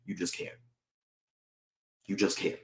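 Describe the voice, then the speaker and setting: Hosting his own sports channel with a sore throat, this man delivers a heated fan rant to camera, cursing frequently and asking rhetorical question after rhetorical question. He speaks slowly in a slightly bright voice, and the room is echoey.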